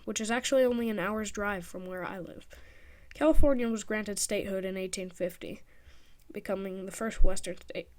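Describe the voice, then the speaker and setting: A woman narrating a history video in a casual scripted way, with jokey, sarcastic asides. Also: mid-range voice. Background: background music.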